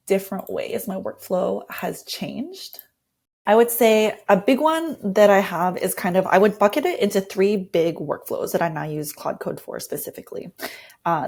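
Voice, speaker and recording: As a guest in an interview, a design lead talks through how she works in an enthusiastic, conversational manner. Her voice sits at medium pitch and sounds a little mellow.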